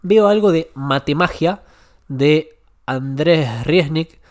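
A young man with a Rioplatense Spanish accent tells a personal story on a casual podcast. His voice sits a little high for a man, and he is animated and confessional, piling up repeated words for emphasis. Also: takes it slowly. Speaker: guest.

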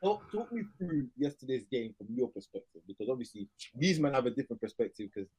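A man's voice: mid-range voice, lively intonation, quick pace, warm tone, breathy edge, low-quality recording. A young man with a London accent hosting a casual football discussion, slangy and repeating himself for emphasis. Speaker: podcast host.

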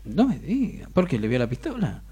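A man with an Argentine accent, bantering as a co-host and telling jokes in an animated way. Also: mid-range voice, fairly quick, husky. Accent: Argentine Spanish. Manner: animated storyteller. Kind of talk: casual banter, joke telling.

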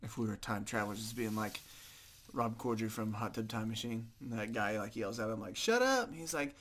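A man's voice: lowish voice, level tone, slight background noise. A young man co-hosting a podcast, laughing often and swearing casually. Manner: giggly, quick to laugh, profane. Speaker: podcast co-host. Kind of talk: casual chat.

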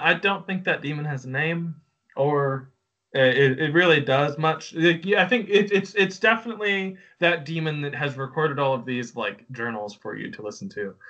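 Bright-voiced casual podcast co-host man. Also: on the high side, muffled recording. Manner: rambling, self-interrupting, joking. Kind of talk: casual chat.

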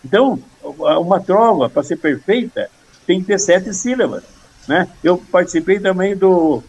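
An older man in casual conversation, earnestly explaining poetry and reciting verse with a steady rhythm. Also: sits high, measured pace, slightly rough, lo-fi sound. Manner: earnest, rhythmic when reciting, many restarts. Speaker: poet guest.

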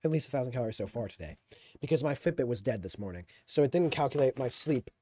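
A man's voice: medium pitch, lively intonation, fast, mellow, dry recording, studio quality. Giggly young man rambling on a podcast. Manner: rambling, giggly, self-interrupting. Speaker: podcast host. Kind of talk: casual chat answering listener questions.

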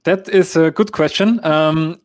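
A German-speaking Austrian man, invited as an app marketing expert, answers live-stream Q&A questions a little slowly, in a somewhat high voice with a darkish tone. His explanations are full of fillers and hedging. Clean, dry studio sound.

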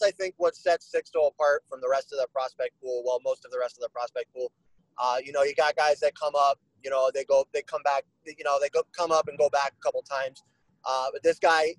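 Podcast guest, man, rambling and filler-heavy, a bit high-pitched. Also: no room sound, poor audio. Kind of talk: casual podcast chat.

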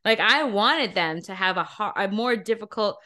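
A woman's voice: mid-range voice, lively intonation, moderate pace, pushed and bright. A woman co-hosting a podcast, reacting and chatting casually with her co-host. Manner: reactive, laughing along.

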